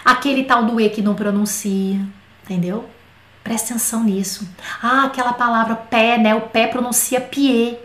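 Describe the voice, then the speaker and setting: Teaching French online, this woman speaks in a high, bright voice with fairly even intonation and a chatty, explanatory style. Now and then she slows to sing little children's songs one line at a time, in a room full of echo.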